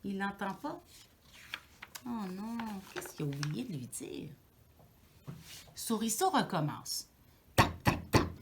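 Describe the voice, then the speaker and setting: A woman's voice: mid-range voice, very animated, slow pace, creaky, pauses often, background noise. A woman with a Québécois accent, a daycare educator, reading a picture book aloud to young children with gasps and asides. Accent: Québécois French.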